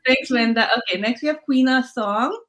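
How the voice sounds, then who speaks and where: A woman with a slightly high, somewhat bright voice hosts a livestreamed hackathon session over a video call. Speaking at a normal speed, she's upbeat and encouraging, and she often restarts her sentences.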